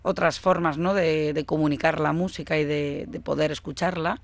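Host: woman, low voice with vocal fry, chatty and upbeat interviewer. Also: steady tone, moderate pace, dry recording. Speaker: radio host. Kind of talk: radio interview.

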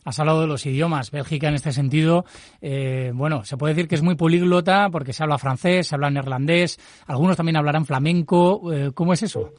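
A male interviewer with a fairly high voice asks questions and muses aloud in a relaxed, conversational way. His sound is dry and close, with almost no room echo. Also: a little fast.

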